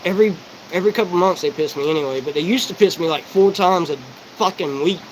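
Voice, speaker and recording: A man in his forties talking on a live stream in a rapid, profane, rambling and disjointed monologue. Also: high-pitched, a little hiss or hum, rough recording. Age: 40s. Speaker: livestreamer.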